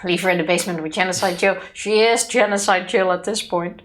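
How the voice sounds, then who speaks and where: A woman's voice: fairly low pitch, fairly even intonation, a little fast. A woman co-hosting a let's play, chatting casually and reading game choices aloud.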